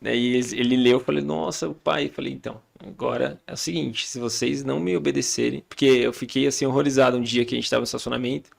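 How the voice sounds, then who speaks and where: A man with a Brazilian Portuguese accent talks fast and animatedly as a podcast guest. His voice is strongly gravelly with heavy fry. He tells family stories and plays out each side of the dialogue, at a middle pitch. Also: fairly even intonation. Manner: storytelling, acting out family dialogue. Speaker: podcast guest, father and church leader. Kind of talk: casual chat.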